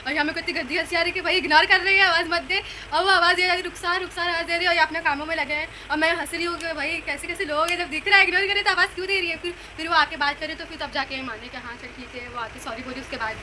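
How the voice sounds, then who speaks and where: A young woman chatting casually in a family vlog, animated and laughing as she tells stories about her sisters. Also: very high voice, very fast, hardly any pauses, slight background noise. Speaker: vlogger, eldest sister.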